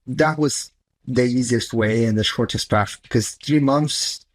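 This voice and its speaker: A Brazilian-accented man, guesting as a chief technology officer, talks over a video call in a casual conversational interview. His medium-pitched voice keeps a measured pace with no echo, and his manner is blunt and candid with loose non-native phrasing, all from a small home office indoors.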